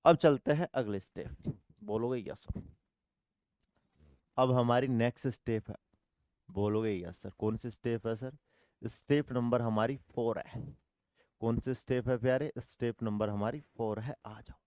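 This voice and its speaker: A man's voice: medium pitch, a little slow, pauses often, darkish tone, no echo, clean studio sound. A male maths teacher running an online coaching class, repeating each step and answering his own questions, calling students "dear brother".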